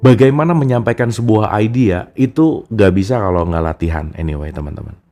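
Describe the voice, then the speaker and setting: A man's voice: on the low side, brisk, dark tone, faint music behind. A man giving a casual, chatty talk about a self-help book and speaking straight to his listeners as friends. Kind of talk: casual spoken book discussion.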